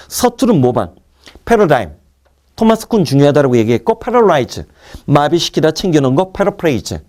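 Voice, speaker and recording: Man, vocabulary lecturer, lively swinging pitch, brisk asides to students. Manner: lively, drilling word roots with quick asides to students. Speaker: English vocabulary teacher. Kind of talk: recorded online lecture.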